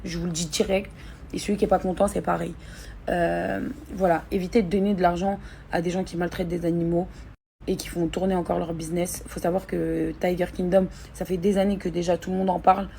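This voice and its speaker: A woman's voice: fairly low pitch, little pitch movement, brisk, creaky, mellow, a little hiss or hum. A woman vlogger venting to her followers in a casual, blunt, slangy way, upset and irritated and repeating herself. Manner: agitated, repetitive, slangy and blunt. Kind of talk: casual to-camera vent.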